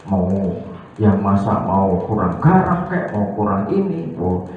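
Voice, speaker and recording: A male pastor with a Javanese accent preaching a sermon, animated and teasing, quizzing the congregation and acting out little everyday scenes. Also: deep voice, takes it slowly, very echoey, phone-quality sound, a little hiss or hum. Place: church hall.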